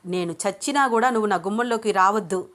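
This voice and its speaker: A woman voicing an enraged middle-aged father who shouts bitterly through tears. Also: mid-range voice, steady tone, moderate pace, close to an everyday voice. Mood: furious grief.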